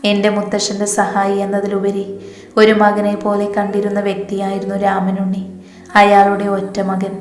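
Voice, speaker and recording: A protective young village hero, fierce toward his enemies and tender with his beloved, as a woman reading a storybook puts him on. The delivery stays level and even. Soft music sits behind an echoey room sound. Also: mid-range voice, moderate pace, natural voice. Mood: somber.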